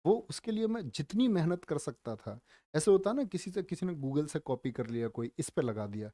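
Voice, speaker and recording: A man teaching a live online general knowledge class, speaking slowly and deliberately, repeating facts and quizzing his viewers, with joking asides. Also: a little high, darkish tone, dry recording, clean studio sound. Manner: calls viewers "dear children", joking asides. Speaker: online exam-prep teacher.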